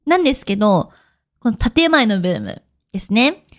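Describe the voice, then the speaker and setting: A woman teaching as an online language teacher in a casual podcast lesson, chatty, with lively pitch swings and frequent soft laughs. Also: normal speed. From Japan.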